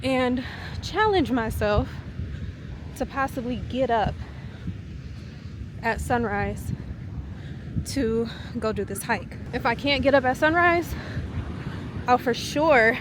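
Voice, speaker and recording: A woman's voice: on the high side, takes it slowly, pauses often, background noise. A woman vlogging in casual chat, filler-heavy and laughing often.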